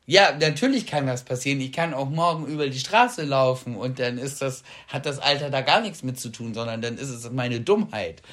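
A man's voice: mid-range voice, expressive, moderate pace, hardly any pauses, fairly bright tone. A man in his early forties co-hosting a podcast, chatting with his partner and joking at his own expense. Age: 40s. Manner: joking, self-mocking. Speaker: podcast co-host. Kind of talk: casual couple chat.

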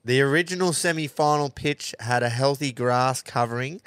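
A man's voice: mid-range voice, moderate pace, fairly bright tone, smooth, no echo. A man with an Australian accent hosting a casual sports podcast in a blokey, sweary way. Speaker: podcast host. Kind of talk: casual sports chat with sponsor reads.

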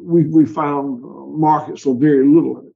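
Talking briskly in a slightly high, creaky voice with fairly even intonation, a Southern livestock farmer rambles through a conversational interview, folksy and prone to restarting. The recording has phone-quality sound.

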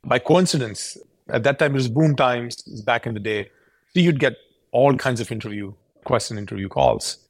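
Speaking at normal speed in a medium-pitched voice, a man in his forties from Pakistan, a tech company founder, guests on a podcast. He gives sincere, explanatory answers with frequent restarts, captured in a dry recording.

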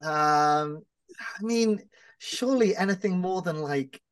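A man co-hosting a podcast, making quick-witted, wry remarks in casual chat. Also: high-pitched, clean tone, no echo. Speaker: podcast co-host.

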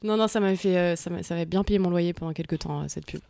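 A woman's voice: on the low side, quick pace, creaky, warm tone, no echo. A young adult woman from Paris, an actress chatting as a podcast guest, laid-back, slangy and joking. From Paris, France. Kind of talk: casual podcast chat.

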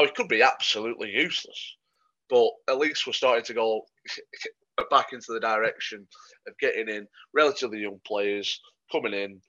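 Low-voiced man, muffled sound. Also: pushed and bright. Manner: dry, matter-of-fact opinions with frequent ums. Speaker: podcast co-host. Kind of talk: casual football podcast chat. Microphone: podcast microphone.

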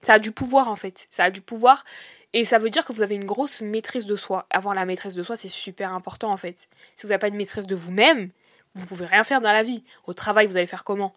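A young woman hosting a podcast, giving casual, animated advice straight to her listeners. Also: medium pitch, fast, no echo, clean studio sound. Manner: animated, chatty, addresses listeners as "les gars". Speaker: podcast host.

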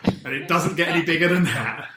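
A man's voice: a little high, brisk, sharp tone. Wry man hosting a podcast, roomy sound. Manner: wry, joking, rambling with restarts. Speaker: podcast host. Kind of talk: casual sports podcast chat. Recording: roomy echo.

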